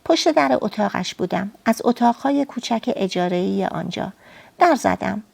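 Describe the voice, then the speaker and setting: A woman narrating a first-person novel as an audiobook, in a soft, intimate and poetic storytelling manner. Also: mid-range voice, animated, gravelly.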